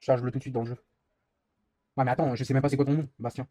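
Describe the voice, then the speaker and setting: Fast-talking husky French streamer man. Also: medium pitch, little pitch movement, dark tone, no echo. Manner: rambling, swears a lot, dwells on complaints. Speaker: live streamer. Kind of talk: casual live-stream chat while gaming.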